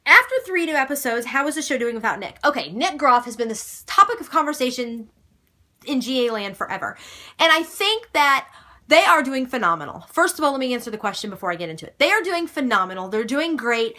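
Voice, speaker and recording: A woman's voice: on the high side, big pitch swings, a little fast, bright, forceful tone. A young woman answering viewer questions in a casual, chatty video, emphatic and gushing, with mild swearing. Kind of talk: casual chat.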